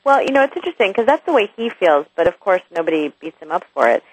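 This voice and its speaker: A woman's voice: on the low side, very animated, fast, slight background noise, poor audio. A woman author guesting on a radio interview, talking candidly and chattily with frequent restarts and asides.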